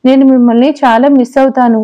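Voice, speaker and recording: A woman's voice: a little high, level tone, quick pace, dark tone, lo-fi sound, natural voice. A woman voicing a playful, teasing young wife in an audio story. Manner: teasing, pouty. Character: playful pregnant young wife, mock-sulky.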